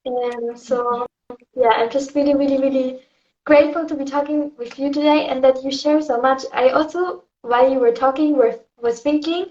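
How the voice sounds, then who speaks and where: High-voiced gushing German woman host. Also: fairly even intonation, normal speed, a little mellow. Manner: effusive, gushing praise. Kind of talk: interview conversation. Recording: dull lo-fi audio.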